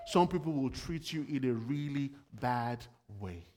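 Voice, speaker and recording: A man's voice: mid-range voice, expressive, a little slow, a little mellow, long reverb tail. A man giving a sermon in a conversational way, telling everyday stories and asking the congregation questions. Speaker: preacher.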